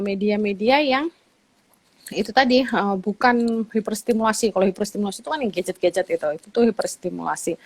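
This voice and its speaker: A woman doctor with a medium-pitched voice appears as a guest on an online talk show. She explains things patiently and conversationally, using lots of fillers.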